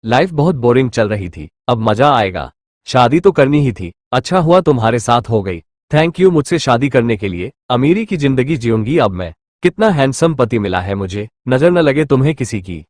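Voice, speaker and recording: A man's voice: medium pitch, very animated, normal speed, a little mellow, dry recording, studio quality, natural voice. A man voicing an angry, defiant young bride who schemes and mocks her new husband, in a storybook reading. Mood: mocking. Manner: mocking, defiant.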